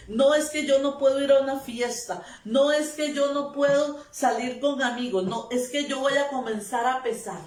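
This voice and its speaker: A woman preaching a sermon, emphatic and repetitive, often stopping for amen. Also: high voice. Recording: echoey room, voice from a distance.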